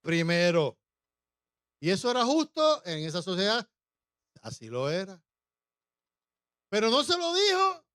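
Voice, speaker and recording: A man's voice: sits high, huge pitch swings, unhurried, pauses often, fairly bright tone, dry recording, studio quality. A male pastor preaching a humorous sermon, often putting questions to the congregation.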